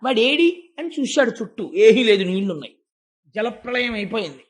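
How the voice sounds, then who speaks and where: High-voiced man telling scripture stories. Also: animated, a little fast. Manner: dramatizes characters' speech in retold scripture stories. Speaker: spiritual discourse speaker. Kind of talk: devotional storytelling discourse. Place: stage before a live audience.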